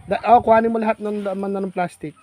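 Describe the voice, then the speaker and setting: A man's voice: high-pitched, fairly even intonation, fast talker, a little mellow. Playful man teasing a child outdoors. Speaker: vlogger. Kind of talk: casual teasing chat with a child. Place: outdoors in farm fields.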